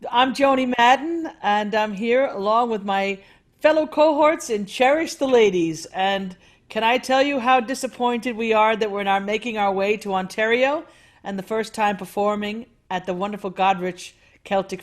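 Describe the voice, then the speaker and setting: Woman, mid-pitched, leading introductions. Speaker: band leader and spokesperson. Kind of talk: casual video introduction.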